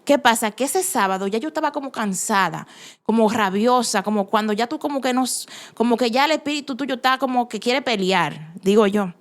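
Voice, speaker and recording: A woman's voice: a little high, a little fast. A woman, telling her personal faith testimony in an earnest, emphatic way, often restarting her sentences. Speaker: testimony giver.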